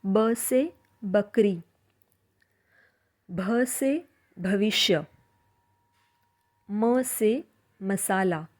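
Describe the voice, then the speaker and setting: A woman teaching a language lesson, slowly drawing out example words and explaining how to say them. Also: medium pitch. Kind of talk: slow spoken language lesson.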